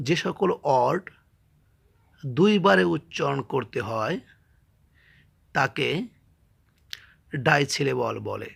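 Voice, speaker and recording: A man with a Bangladeshi accent teaching an English grammar lesson and sounding out words slowly, syllable by syllable. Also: mid-range voice, lively intonation, gravelly, fairly bright tone, slightly rough. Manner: slow, spells words out syllable by syllable.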